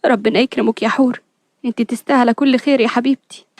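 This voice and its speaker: A woman voicing a gentle, heartbroken young woman who speaks tearfully. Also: fairly high pitch, fairly even intonation, fast, no echo, close to an everyday voice. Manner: soft, tearful pleading.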